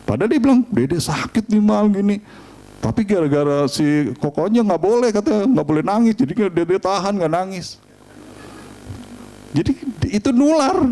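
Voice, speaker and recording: A middle-aged man, preaching a sermon and telling family stories in an animated, humorous way. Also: sits high, moderate pace. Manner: animated storytelling, chatty and humorous. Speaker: pastor.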